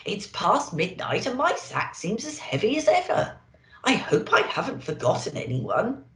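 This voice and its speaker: A woman's voice: medium pitch, very animated, moderate pace, roomy sound, close to an everyday voice. A woman voicing a jolly, chubby old Santa Claus from a children's storybook, hearty and exclaiming. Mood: weary, amazed.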